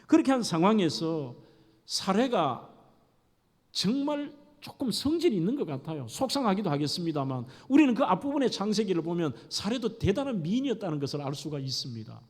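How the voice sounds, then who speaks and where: A man's voice: sits high, very animated, a little fast. A middle-aged male pastor preaching a sermon with dramatic storytelling, acting out scenes. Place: church sanctuary. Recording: echoey church hall.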